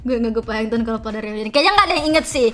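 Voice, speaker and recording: A woman, streaming as a VTuber and telling a story in an animated, dramatic, slangy way. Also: fairly high pitch, very fast, soft background music. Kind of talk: casual livestream storytelling.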